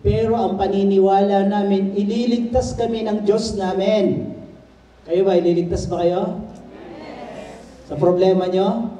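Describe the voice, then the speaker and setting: A man's voice: high voice, steady tone, a little slow, pauses often, dull audio. A man with a Filipino accent preaching a sermon, switching between Tagalog and English, reading scripture and acting out its scenes. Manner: switches between Tagalog and English, reads Bible verses then explains them; acts out scenes, shouting some lines and dropping to a whisper on others. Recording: echoey room, far from the mic.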